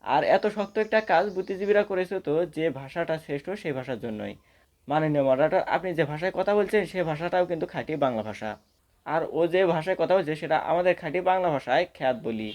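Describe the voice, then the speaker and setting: A man's voice: fairly high pitch, darkish tone. A man giving a formal debate speech in a lecturing, point-by-point manner. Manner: formal, lecturing, counts off figures.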